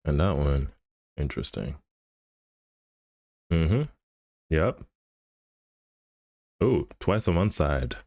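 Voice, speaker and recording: Low-voiced man muttering while he works. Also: animated, very slow, gravelly, pauses often, darkish tone, no echo, studio quality. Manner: muttering to himself, thinking aloud, humming beeps. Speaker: streamer. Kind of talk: casual livestream commentary while animating.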